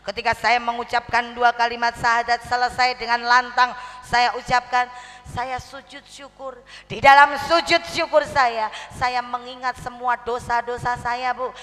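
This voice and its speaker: A woman's voice: a little high, a bit bright. A woman with a Javanese accent, preaching to a women's gathering in a humorous, chatty way and slipping into Javanese. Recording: long hall reverb.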